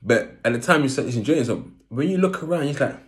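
Fast and expressive, his mid-range voice carries a London roadman style as he chats to camera about his own life. The vlogger repeats phrases for emphasis throughout these casual stories.

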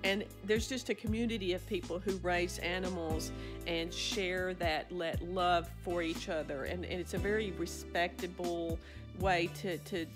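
A woman's voice: on the low side, fairly even intonation, a little slow, over music. A middle-aged woman, talking casually to her phone camera in a small indoor office. She speaks in a folksy, rambling way, often restarting or trailing off. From Arkansas. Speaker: vlogger, physician and farmer. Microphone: phone camera up close.

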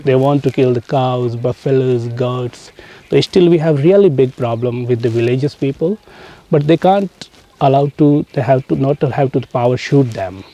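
A safari guide with a North Indian accent, whose native language is Hindi, informally explains things to tourists from an open safari vehicle outdoors. He speaks irregular, non-native English, often tagging on "you know," in a mellow, medium-pitched voice at a moderate pace. The camera picks him up from a short distance, with cut-off highs, faint outdoor noise, and clicks.

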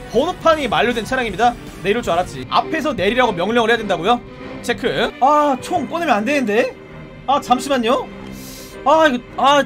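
A man with a very high, bouncy voice calls out a game live, joking and barking orders at the people on screen. His pitch swings up and down constantly. Background music plays under his talk. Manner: playful, animated, shouting commands at game characters. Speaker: game streamer. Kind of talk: live gameplay commentary.

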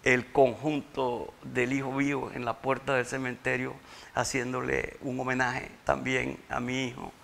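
A grieving father, telling his story in a halting, tearful interview and repeating words when overcome. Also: mid-range voice, flat delivery, creaky, a bit bright, slight background noise. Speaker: interview guest, bereaved father. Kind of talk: emotional interview testimony.

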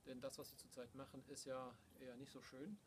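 A man's voice: mid-range voice, flat delivery, a little fast. A middle-aged man co-hosting a casual, unscripted video outdoors, talking to a camera a few metres away. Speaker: podcast co-host. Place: outdoors in a garden. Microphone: camera mic a few metres away. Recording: noisy outdoor camera recording from a distance.

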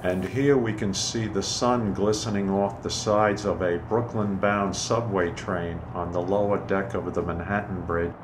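A man narrating a casual walking tour in a measured, informative way, speaking from behind a handheld camera outdoors on a city pier. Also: low-pitched, fairly even intonation. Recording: camera audio with clear outdoor noise.

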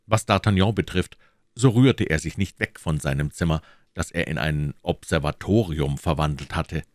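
A man reading a classic novel aloud as an audiobook, in measured, expressive storytelling. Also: a bass voice, dry recording, studio quality. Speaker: audiobook reader. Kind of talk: scripted narration of a classic novel.

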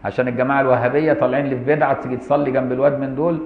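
A man's voice: medium pitch, steady tone, racing. A man with an Egyptian accent teaching Islamic law to a class, reading a text and adding colloquial, mocking asides. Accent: Egyptian Arabic. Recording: roomy lo-fi lecture hall recording.

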